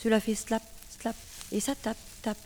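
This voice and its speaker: A woman narrating a children's story in the first person, expressive and playful. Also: fairly high pitch, normal speed, slight background noise.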